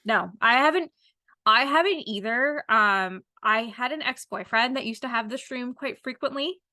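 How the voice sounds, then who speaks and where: Bright-voiced chatty woman in her thirties. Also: on the high side, moderate pace, dry recording, studio quality. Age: 30s. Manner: rambling, lots of "like" fillers. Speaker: podcast host. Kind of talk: casual chat.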